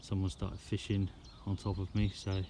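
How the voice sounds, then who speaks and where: A man's voice: deep voice, little pitch movement, normal speed, dark tone. Man vlogging outdoors, background noise. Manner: informal, laid-back, slangy. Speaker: fishing vlogger. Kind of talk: casual vlog to camera. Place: outdoors at a fishing lake.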